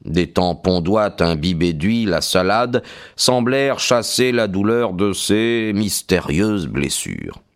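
Male narrator, low register; measured scripted audiobook narration. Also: sing-song.

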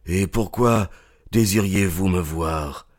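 A man's voice: sits low, slow pace, darkish tone, dry recording, clean studio sound. An actor playing a remorseful old man who is dying, speaking in a heavy, weary, pleading way.

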